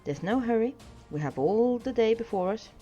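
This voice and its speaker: A woman voicing a fussy, polite and excitable male hobbit homebody in a storybook reading. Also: on the high side, normal speed, voice pushed up, close to an everyday voice. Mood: genial. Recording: dull sound with music behind.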